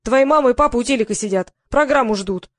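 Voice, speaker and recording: A woman voicing a brash young female TV producer who barks loud, rapid orders. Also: a little high, no echo, pitched above the performer's own voice, close to an everyday voice. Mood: bossy.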